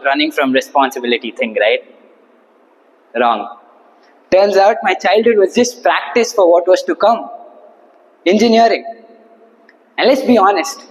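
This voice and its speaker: Speaking to seated listeners in an indoor hall, a young adult Toastmasters member delivers a prepared comic speech in a high voice. He plays it theatrically and rhetorically, pausing on purpose, while the room adds plenty of reverb.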